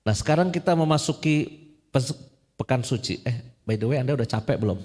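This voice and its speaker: A man's voice: mid-range voice, expressive, a little fast, darkish tone. A man preaching a casual, joking sermon as a priest, slipping in English phrases. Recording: long hall reverb.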